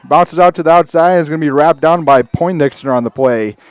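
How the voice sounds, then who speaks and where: Casting: male local sports announcer, out of breath, crisp slightly high voice, live play-by-play. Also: fairly quick, dry recording. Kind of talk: live high school football commentary.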